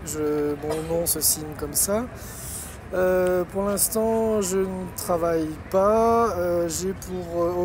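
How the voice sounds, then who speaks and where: A man giving a voice-over interpretation of a signed travel vlog, pausing often. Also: high voice, background noise. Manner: hesitant, many pauses.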